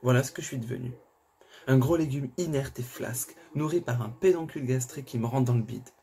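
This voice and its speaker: A man giving a dramatic first-person reading of a thriller, expressive and swinging between calm narration and anguished outbursts. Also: mid-range voice, fairly quick, slightly rough. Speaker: reader of a thriller.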